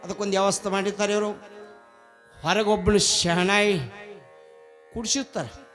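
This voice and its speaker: A high-voiced man with a North Karnataka accent tells a devotional story, acting out each character's quoted words. Faint instrumental music plays quietly behind him. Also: level tone, moderate pace. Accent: North Karnataka Kannada. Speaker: religious storyteller.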